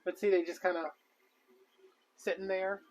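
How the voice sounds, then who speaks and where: A man's voice: sits high, level tone, moderate pace. A man chatting casually and rambling with lots of fillers while crafting on a live stream. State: out of breath. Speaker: crafting vlogger.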